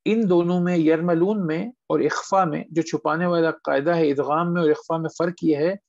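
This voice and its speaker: High gravelly-voiced male tajweed teacher, patient, dull lo-fi call sound. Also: fairly even intonation, a little mellow, no echo. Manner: patient, asks students questions, drawn-out model words. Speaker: Quran recitation teacher. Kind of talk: online tajweed class. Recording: dull lo-fi online call audio.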